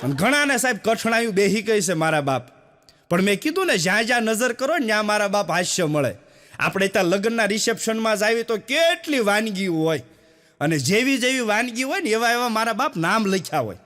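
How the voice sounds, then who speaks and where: A man's voice: high voice, very animated, brisk, fairly bright tone. A man from doing folksy stand-up storytelling, with a chatty manner that speaks straight to the audience. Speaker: stand-up comedian.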